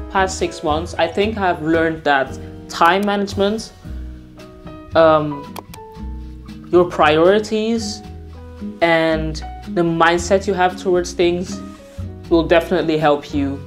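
A woman's voice: on the low side, slow, pauses often, soft background music. A young woman talking casually to camera as a vlogger and designer, candid and rambling, often correcting herself mid-sentence. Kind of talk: casual to-camera vlog talk.

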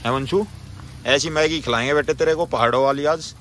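A man's voice: a little high, brisk, fairly bright tone. A man hosting a casual travel vlog, chatting outdoors by a car at night, talking to viewers and friends as he goes. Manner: chatty, keeps addressing viewers and friends as "bhai". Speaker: travel vlogger. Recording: outdoor street noise.

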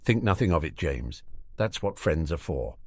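A man's voice: rumbling low, very animated, moderate pace, dry recording, pitched below the performer's own voice, heavily acted. A man voicing a sly, reassuring grown man who hides bad intent in an audiobook. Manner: smooth, reassuring.

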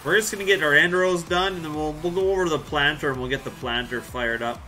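A laid-back man chatting with his stream audience while he plays, rambling and joking along. His voice sits a bit high and comes across bright and forceful. Faint music plays behind him. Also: fast. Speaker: farming game live streamer. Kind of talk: casual live-stream chat with viewers.

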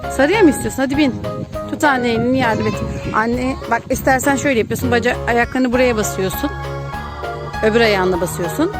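Over music, a Turkish-accented mother with a fairly quick, high-leaning voice films her small child at an outdoor playground. She chats casually with the toddler, coaxing him along and counting and cheering playfully.

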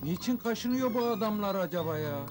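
A man's voice: sits high, animated, fairly quick, loud music behind the voice. An actor playing an earnest, wry small-town man posing as a doctor in an old comedy film. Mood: puzzled, wry.

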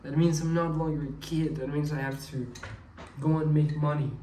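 A young man of about twenty, a vlogger, rambles casually through his thoughts and often restarts his sentences, his mellow, fairly high voice steady at a moderate pace. The mic is set back in an echoey room with faint ambient noise.

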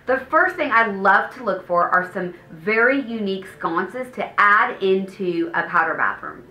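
Bright, polished woman host in a roomy space. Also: mid-range voice, expressive, measured pace. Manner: polished, enthusiastic, upbeat. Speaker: home design host. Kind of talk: scripted presentation to camera. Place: indoor studio set with paneled wall. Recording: roomy echo, faint background music.

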